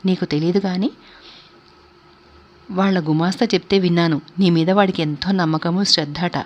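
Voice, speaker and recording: A calm, wise elderly aunt speaks softly and patiently, as a woman reads her lines. Her voice sits low and soothing. The audiobook recording sounds dull and lo-fi. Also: close to an everyday voice.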